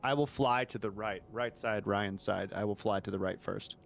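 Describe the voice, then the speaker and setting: A man's voice: lowish voice, normal speed, gravelly. A man chatting casually as a player in a tabletop game, saying what his character does.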